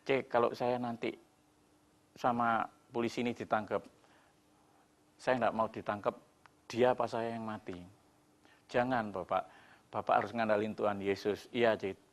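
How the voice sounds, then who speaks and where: A middle-aged man tells his conversion story to a church in an earnest, confessional way. His voice sits at a mid pitch and often sinks to a softer level when he recalls his past. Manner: earnest, confessional, voice dropping soft at times. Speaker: church member giving a testimony. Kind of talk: emotional personal testimony.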